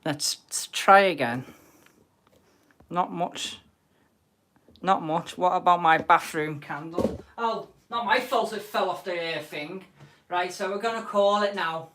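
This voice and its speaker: Slow-paced British woman hosting casual bingo. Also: lowish voice, fairly bright tone. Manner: informal, cheeky banter. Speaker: host of an online bingo game. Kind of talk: casual chat, calling out players and numbers.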